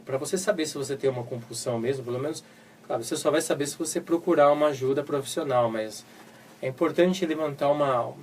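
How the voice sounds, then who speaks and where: A Brazilian psychologist co-hosting a live web radio show, recovering from a flu, explains things informally with everyday examples and voiced asides, in a Brazilian Portuguese accent. He talks fast in a mid-range voice, recorded from a distance with slight background noise.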